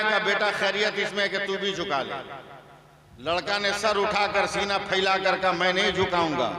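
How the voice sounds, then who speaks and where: A man's voice: high voice, sharp tone. A man with an Indian Urdu-Hindi accent preaching dramatically, telling a story and calling on the crowd to respond. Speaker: Islamic preacher. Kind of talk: sermon storytelling. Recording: echoey hall with long reverb.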